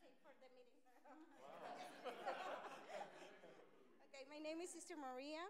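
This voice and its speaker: Nun from mexico, kinda high voice, soft and a bit hesitant. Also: female voice, unhurried, very noisy. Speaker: religious sister. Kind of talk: self-introduction at a meeting.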